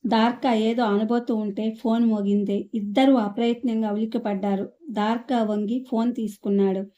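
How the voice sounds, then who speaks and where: A woman reading a novel aloud as the narrator, in a steady storytelling manner that voices the dialogue with little change. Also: fairly high pitch, moderate pace, dull audio. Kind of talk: scripted audiobook narration.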